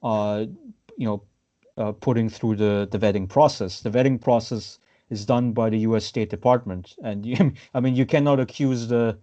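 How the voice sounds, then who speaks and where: A man from Austria hosts a casual political discussion over a video call. His voice is mellow and dark, and the audio is dull and lo-fi. He hesitates often, fills gaps and restarts his sentences. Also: on the low side, steady tone, moderate pace. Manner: hesitant, many fillers and restarts. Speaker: podcast host.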